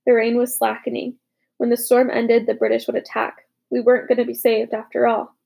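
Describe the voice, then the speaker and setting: A woman narrating a war story as a young soldier, with dramatic, hushed, urgent delivery in the dialogue. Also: a little high, completely flat delivery, a little fast, creaky. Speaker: narrator voicing a boy soldier. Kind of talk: audiobook narration.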